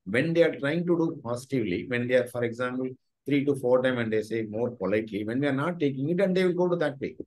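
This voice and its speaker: A man's voice: mid-range voice, lively intonation, fast talker, darkish tone, rough recording. Interview guest: man, forties, Tamil accent, mid-range voice, informal video-call answers. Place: small furnished room at home, video call. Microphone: video call device microphone.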